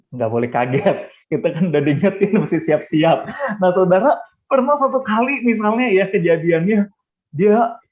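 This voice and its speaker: A man's voice: medium pitch, a little mellow. A middle-aged man, a church counselor, answering a question in a webinar by telling stories and often speaking straight to his listeners. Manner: storytelling, often addressing listeners directly. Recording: dull lo-fi webinar audio.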